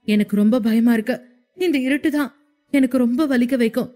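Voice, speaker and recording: A frightened young wife in a spoken storybook, pleading and shaky with tears, as a woman narrator puts her on. Her voice climbs high when the fear takes hold. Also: brisk, warm tone, natural voice. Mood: tearful.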